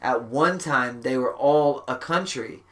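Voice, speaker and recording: A man's voice: mid-range voice, takes it slowly. A man hosting a podcast, chatting casually in a backyard shack, rambling and swearing freely. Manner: rambling, profane, animated. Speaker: podcast host. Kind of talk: casual chat.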